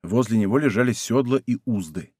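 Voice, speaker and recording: A man narrating an adventure novel as an audiobook with an expressive, dramatic reading. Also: mid-range voice, brisk, husky, dry recording, studio quality.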